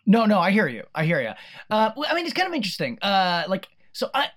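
A woman co-hosting a casual film podcast, animated and teasing, who laughs easily. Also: medium pitch, fast talker. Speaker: podcast co-host.

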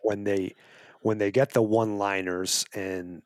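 Man with a lowish voice, a podcast guest making his case earnestly, restarting his phrases, recorded dry. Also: flat delivery, a little slow, no room sound. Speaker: wildlife advocacy guest. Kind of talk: casual interview talk.

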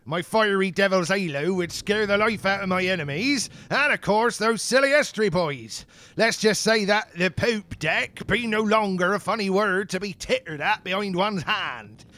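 A swaggering, foul-mouthed pirate captain, played by a man for a comedy skit. He blusters in thick pirate slang and flings insults in a high, bright, forceful voice. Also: moderate pace. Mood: blustering. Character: boastful crude male pirate captain, brash and insulting.

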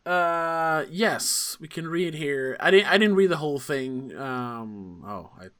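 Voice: mid-range voice, lively intonation, slow, fairly bright tone. A podcast co-host reviewing a film in casual chat, rambling with hesitant fillers and apologetic asides.

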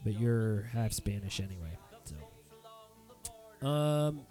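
Slow-talking sardonic New man. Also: fairly low pitch, animated, dark tone, faint music behind. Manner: rambling, sardonic, jokey asides. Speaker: podcast host. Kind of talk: casual solo podcast monologue. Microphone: headphones with a studio mic.

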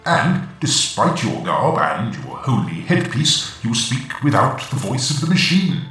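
A man's voice: mid-range voice, sing-song, unhurried, sharp tone. A man voicing a stern, zealous male leader of a machine cult, speaking solemnly and with scorn. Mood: menacing. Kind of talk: solo tabletop role-play. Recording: heavy echo, distant, music behind.

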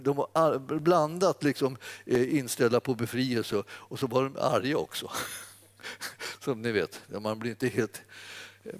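A man preaching through an anecdote in a rambling, self-correcting way, chuckling often as he tells it. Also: medium pitch. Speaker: preacher telling a story. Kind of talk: anecdotal sermon storytelling.

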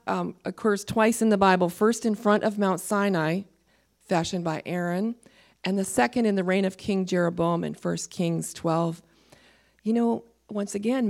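A woman leads an informal Bible teaching in a voice with plenty of gravelly fry. She speaks emphatically, slows down to read scripture, and sometimes drops to a whisper. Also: medium pitch.

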